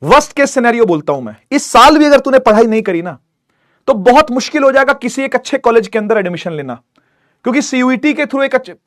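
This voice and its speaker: A man teaching an online class, giving a lively, preachy, friendly pep talk to students about studying hard. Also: very high voice, fast talker, no echo, studio quality. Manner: animated, preachy, scolding yet friendly.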